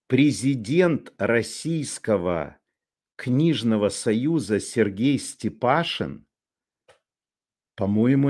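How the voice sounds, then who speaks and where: A man delivers an off-the-cuff commentary at a slow, deliberate pace. His voice sits at a middling pitch, and his talk is sardonic, broken up by drawn-out filler sounds as he gathers his thoughts. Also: a little mellow. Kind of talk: unscripted monologue commentary.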